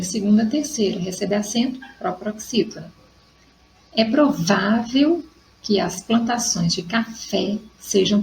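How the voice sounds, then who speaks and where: A woman's voice: medium pitch, gravelly, a little mellow, slight background noise, low-quality recording. A Brazilian woman teacher with a Brazilian Portuguese accent, patiently correcting exercises step by step in a recorded class lesson. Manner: patient, explains step by step, checks in with ok.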